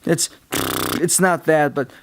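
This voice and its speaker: A man giving a casual how-to lesson, explaining things in a halting, rambling way. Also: a little high, steady tone, heavy background noise. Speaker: tutorial presenter. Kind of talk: casual instructional talk.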